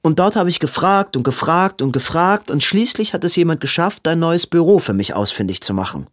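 A man voicing a hurried, flustered young woman, the hero's sister. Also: deep voice, animated, no room sound, voice pushed up. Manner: breathless, hurried pleading.

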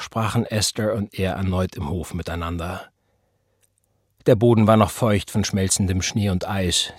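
A man reading a novel aloud in measured, scripted audiobook narration. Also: fairly low pitch, a little mellow, husky, no echo, clean studio sound.

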